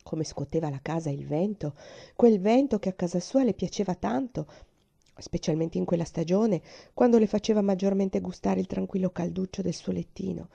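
A woman narrating a classic novel aloud as an expressive, suspenseful audiobook reading. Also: fairly low pitch, moderate pace, vocal fry, breathy edge, muffled recording. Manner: dramatic, suspenseful.

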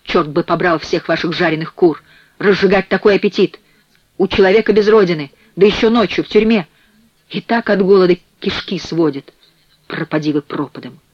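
A man's voice: high voice, normal speed, no echo, dull audio. A man doing a hungry, irritable prisoner. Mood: furious. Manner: shouting, irritable.

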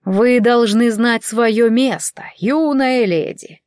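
A pompous old male elf who scolds at a measured, lecturing pace, as a woman narrator voices him. The sound is dry and close, with a somewhat high tone, in a storybook style. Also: a little mellow, no echo. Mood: stern. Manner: slow, stern, lecturing.

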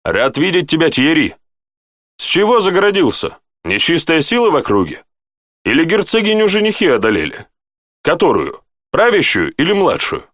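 A man's voice: fairly high pitch, huge pitch swings, moderate pace, fairly bright tone, no room sound, clean studio sound, voice pushed up, full character voice. A man voicing a wry, joking male baron who banters with his friends.

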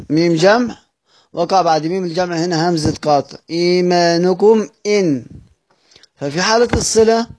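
A man with an Egyptian Arabic accent teaches Quranic readings. He asks his students questions, answers them himself, and draws out each recited word slowly. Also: on the high side, a little mellow.

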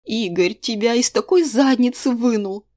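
A woman's voice: a little high, moderate pace, darkish tone, pitched above the performer's own voice, close to an everyday voice. A woman voicing an overbearing, theatrical grandmother who laments and lectures while reading a story aloud. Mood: reproachful, lecturing.

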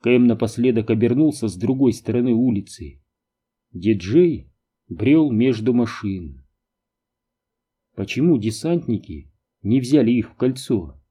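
A man narrating an audiobook in an even, measured reading. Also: medium pitch, slightly rough.

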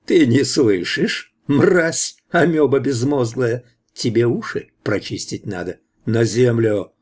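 A man voicing a menacing three-eyed alien creature that talks slowly and with scorn in an audiobook. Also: medium pitch, darkish tone. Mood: contemptuous.

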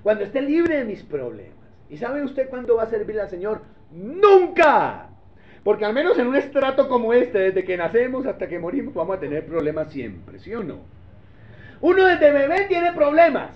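A man's voice: sits high, big pitch swings, a little fast. A man preaching a sermon as pastor, emphatic and asking the congregation questions. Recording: dull lo-fi recording.

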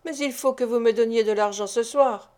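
A woman's voice: on the high side, moderate pace, a little mellow, close to an everyday voice. Grumbling, menacing invalid thief, bitter and demanding, as a woman reads him in a storybook. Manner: growling, bitter.

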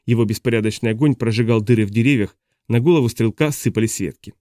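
A man reading a science fiction audiobook as narrator in a steady, even storytelling manner. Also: fairly low pitch, quick pace, no echo, studio quality. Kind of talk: scripted narration.

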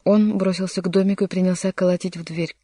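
An audiobook narrator reading a historical adventure novel in an even, measured way. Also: mid-range voice, no echo, studio quality. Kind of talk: scripted narration.

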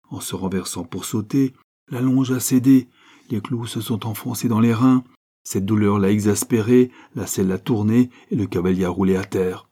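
A man's voice: on the low side, dark tone, husky. A man reading an audiobook aloud, voicing an earnest young man who eagerly pieces things together.

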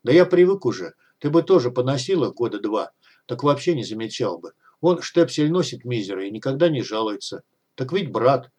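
A man's voice: medium pitch, sing-song, fairly quick, darkish tone. A man voicing an easygoing, chatty young male fighter in an audiobook. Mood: casual.

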